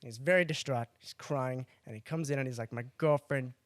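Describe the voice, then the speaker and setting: A young man, co-hosting a podcast and telling a story in an animated, swearing way. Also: mid-range voice, fairly quick, dry recording. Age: young adult. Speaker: podcast co-host. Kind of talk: casual storytelling chat.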